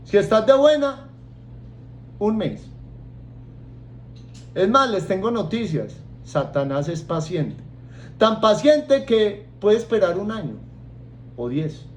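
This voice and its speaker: A man's voice: high voice, slow pace, long pauses, slight background noise. A man with a Colombian accent preaching a sermon, joking and acting out voices for his congregation. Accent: Colombian Spanish. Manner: animated, acts out voices and jokes with the congregation.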